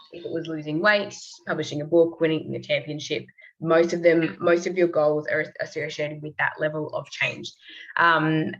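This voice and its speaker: Low-voiced woman, rambling motivational talk. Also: a bit bright, dull audio. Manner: rambling, many fillers and self-corrections. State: clearing her throat. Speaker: host. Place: call or online meeting.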